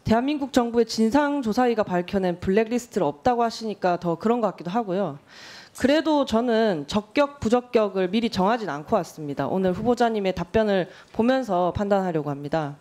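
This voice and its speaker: A woman in her thirties questions a nominee at a parliamentary hearing. Her delivery is measured yet pointed, and her pitch moves with lively rises and falls as she presses each point. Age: 30s.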